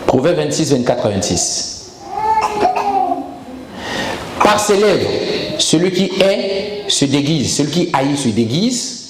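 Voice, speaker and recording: Animated high-voiced man preaching a sermon. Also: roomy sound, very noisy. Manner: emphatic and animated, calls for amens. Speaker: pastor.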